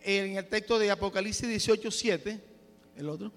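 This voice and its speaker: A man's voice: high-pitched, normal speed, fairly bright tone, in a large hall, faint music behind. A man preaching a sermon to his congregation, often breaking in with praise to God and stumbling over words as he explains. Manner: restarts and stumbles while exhorting; frequent praise interjections. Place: church.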